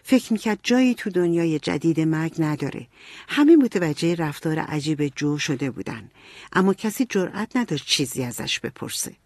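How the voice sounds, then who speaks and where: A woman's voice: sits low, animated, a little mellow, dry recording. Woman reading a storybook, dry voice. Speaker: narrator.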